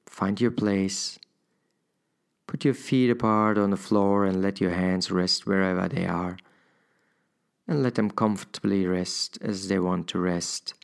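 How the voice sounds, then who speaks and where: A man guiding a hypnosis session in a soothing, measured manner with drawn-out pauses. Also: low voice, fairly even intonation, gravelly. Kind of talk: guided hypnosis induction, soothing instruction.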